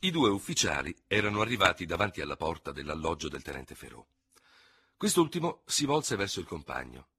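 A man reading a novel aloud in a measured, expressive narration. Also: deep voice, slightly rough, dry recording. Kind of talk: audiobook narration.

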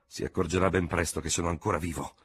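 A man's voice: deep voice, moderate pace, a bit bright, breathy edge. A man voicing a proud, fiery old retired cavalry general who thunders and blusters. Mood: fiery, blustering.

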